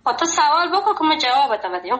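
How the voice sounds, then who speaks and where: High-pitched farahi-accented woman on a muffled phone call, playful, giggles a lot. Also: very animated, fairly bright tone. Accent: Farahi Dari. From Farah province, Afghanistan. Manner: playful, laughs often. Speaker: caller. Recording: dull phone line.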